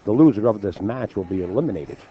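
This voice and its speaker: A man's voice: on the low side, lively intonation, fast talker. A man doing play-by-play commentary on a pool match, calling the score and bantering with jokes. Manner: joking, calls the score and banters. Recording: dull lo-fi stream audio with faint noise.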